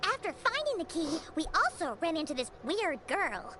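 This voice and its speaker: Paimon, a squeaky fairy sidekick. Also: female voice, very animated, normal speed, heavy background noise. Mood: chirpy. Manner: bubbly, speaks of herself in third person. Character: tiny floating fairy girl companion, chatty and excitable. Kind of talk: video game voice acting. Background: game music.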